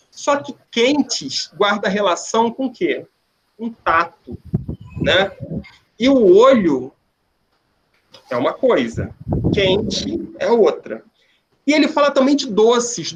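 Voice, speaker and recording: A man's voice: high voice, slight background noise, low-quality recording. A man teaching a remote language class, explaining step by step and checking in with "né?" and "ok?" often. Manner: explanatory, asks "né?" and "ok?" often, with frequent restarts.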